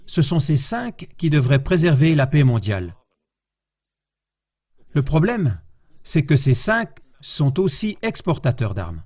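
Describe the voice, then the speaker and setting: A man giving a public lecture as a historian, speaking in a measured way and putting rhetorical questions to his audience. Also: a little high, very animated, a little mellow.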